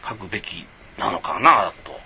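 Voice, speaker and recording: A man's voice: sits low, lively intonation, normal speed, pushed and bright, slight background noise. A man with a Kansai accent, a writer guesting on a radio chat, who rambles good-humouredly and fills his talk with fillers. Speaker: author and guest.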